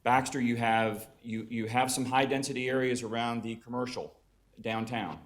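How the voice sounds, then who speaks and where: A man presenting on behalf of a development at a council hearing, brisk and persuasive. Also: medium pitch, fairly even intonation.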